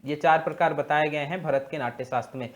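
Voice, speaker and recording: A young man giving a lecture to exam students, explaining slowly, repeating key terms and pausing often as he goes. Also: fairly high pitch, fairly even intonation. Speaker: exam prep teacher.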